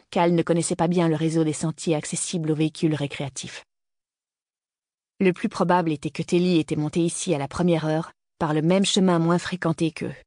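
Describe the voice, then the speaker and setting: Steady male audiobook reader, even delivery, dry studio sound. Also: a little high, dry recording. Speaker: audiobook narrator. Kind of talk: scripted narration.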